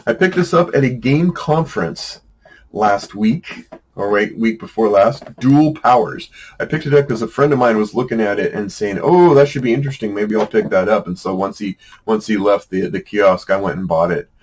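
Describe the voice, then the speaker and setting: A man's voice: lowish voice, moderate pace, slight background noise, poor audio. A middle-aged man hosting a casual talk about board games, chatty and wry, with lots of "uh"s and restarts. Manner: chatty, wry, self-deprecating, with frequent fillers and restarts. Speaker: board game show host.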